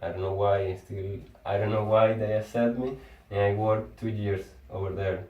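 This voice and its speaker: An engineer whose first language is Spanish chats casually in halting English with a Venezuelan accent, restarting words as he searches for the right phrase. His voice sits a bit low and keeps a steady tone. The lo-fi recording places him far from the mic in a roomy, echoey space.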